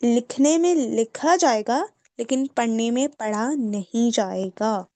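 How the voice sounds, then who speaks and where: A female class assistant with a Pakistani Urdu accent and a fairly high voice, recorded close and dry. She calls on students by name, puts short questions to them and sums up the rules for their notes. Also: mellow, no echo.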